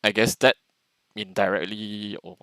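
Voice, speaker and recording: A man's voice: lowish voice, little pitch movement, measured pace, sharp tone, no echo, poor audio. A man, a podcast guest talking briefly and tentatively in casual discussion.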